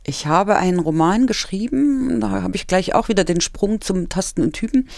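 A woman author reading her own children's story aloud in an expressive storytelling manner. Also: mid-range voice, normal speed, gravelly, dry recording, clean studio sound.

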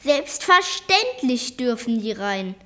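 A woman voicing an indignant middle-aged man who runs a minigolf course and shouts angrily. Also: a little high, sing-song, takes it slowly, full character voice. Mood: angry shouting. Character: angry middle-aged male minigolf owner.

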